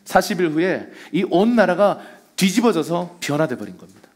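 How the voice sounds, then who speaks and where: A man's voice: sits high, big pitch swings, normal speed. A man preaching a Sunday sermon as pastor, telling the story with energy and acting out the lines he quotes.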